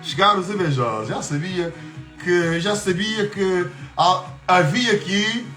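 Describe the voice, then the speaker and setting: A man's voice: sits high, unhurried. Boastful man livestreaming from home. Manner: boastful, switches between Portuguese and French. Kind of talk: casual live stream chatter. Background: faint music.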